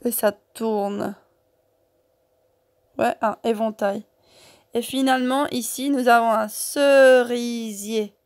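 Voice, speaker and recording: This woman's slightly high voice is steady and a bit dark as she leads young children through a workbook lesson. She goes slowly, repeating words and syllables, and often asks "ok?".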